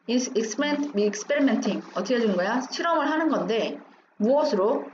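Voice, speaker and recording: A woman teaching English, going through an exam passage line by line, asking questions and answering them herself. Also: a little high. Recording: dull roomy recording with faint hum.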